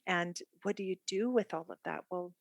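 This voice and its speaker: Her voice is lowish and creaky, moving at a moderate pace in a dry recording. She's a middle-aged Canadian art therapist with a Canadian accent, a podcast guest who talks openly and reflectively, chatty and quick to laugh.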